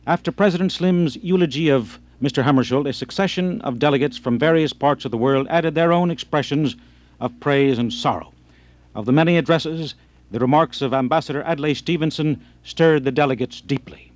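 A man's voice: fairly high pitch, normal speed, a little mellow. A man anchoring a radio news programme, narrating scripted background in an orderly, explanatory way.

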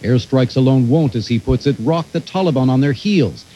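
A man's voice: mid-range voice, normal speed, mellow, slight background noise, rough recording. An American man giving a scripted radio news report as a correspondent.

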